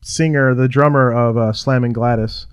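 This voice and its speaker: A man's voice: mid-range voice, fairly even intonation, moderate pace, smooth, dry recording, clean studio sound. A man co-hosting a show in casual banter, with a blunt, teasing, informal way of talking. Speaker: podcast co-host.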